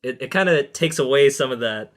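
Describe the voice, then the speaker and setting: A young man co-hosting a podcast, talking in a loose, animated way, laughing often and swearing casually. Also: medium pitch, a little fast. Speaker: podcast co-host.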